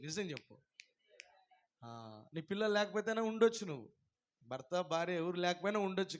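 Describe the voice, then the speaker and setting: A pastor preaching a sermon, swinging between loud proclaiming and hushed, tender asides, now and then singing hymn lines slowly. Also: male voice, a little high. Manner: breaks into slow sung hymn lines.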